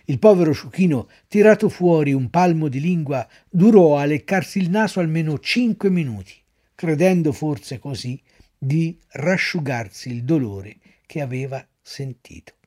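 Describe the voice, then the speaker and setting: Man reading a story, lively and high-pitched. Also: moderate pace. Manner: animated, dramatic reading.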